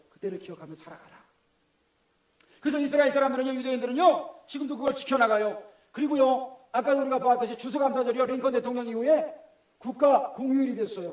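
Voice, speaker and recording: Speaking in a very high, somewhat dark voice, this middle-aged man with a Gyeongsang Korean accent delivers a sermon as a pastor, chatting with the congregation and asking them questions. The church hall gives the recording an echo.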